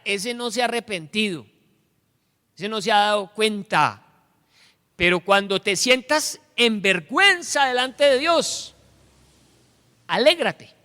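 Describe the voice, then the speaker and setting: Bright-voiced Colombian preacher in an echoey hall. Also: male voice, extremely high pitch. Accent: Colombian Spanish. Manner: animated preacher acting out quoted voices. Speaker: pastor. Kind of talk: sermon. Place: church sanctuary.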